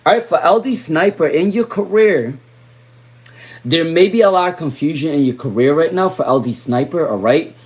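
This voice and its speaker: A man's voice: on the high side, lively intonation, normal speed. Man giving live tarot readings. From Rhode Island. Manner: repeats viewer names, drops to mutters while shuffling. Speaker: tarot reader.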